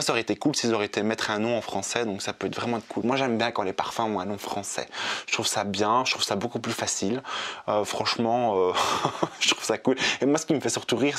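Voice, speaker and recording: A man with a slightly low voice talks through the new perfumes in a relaxed, rambling way. He keeps dropping fillers, restarting sentences and offering quick personal opinions. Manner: chatty, laid-back, full of fillers and restarts. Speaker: perfume vlogger. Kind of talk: casual chat.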